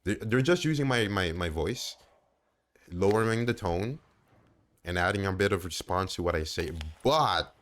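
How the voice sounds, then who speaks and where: A young man giving let's-play commentary on a horror game, animated and talking back at the screen. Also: on the low side. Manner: animated, talks back to the game, exclaims and repeats himself. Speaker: gamer playing a horror game.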